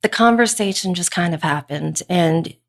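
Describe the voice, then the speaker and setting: Earnest woman with a gravelly voice. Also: on the low side, moderate pace. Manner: candid, earnest storytelling. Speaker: guest. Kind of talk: interview about faith and marriage. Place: podcast studio.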